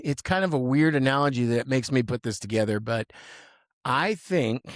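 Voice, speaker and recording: A man's voice: medium pitch, expressive, normal speed, dry recording, clean studio sound. A young man co-hosting a podcast from a small office, rambling casually with plenty of fillers and restarts. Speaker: podcast co-host. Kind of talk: casual unscripted chat.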